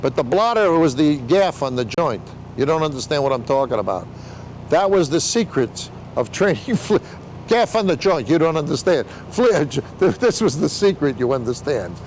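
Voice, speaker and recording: A man's voice: on the high side, sing-song, normal speed, a little mellow, slight background noise. An older man explaining things in a casual interview, with rambling showman patter and joking asides. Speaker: veteran sideshow talker explaining flea circus.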